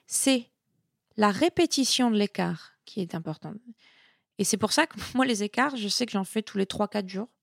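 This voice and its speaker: Woman, nutrition expert guest, chatty and lively, gravelly voice, dry close sound. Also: medium pitch, moderate pace, no echo. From Italian heritage. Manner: lively, chatty, repeats words when thinking. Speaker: sports nutritionist, podcast guest. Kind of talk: casual interview talk.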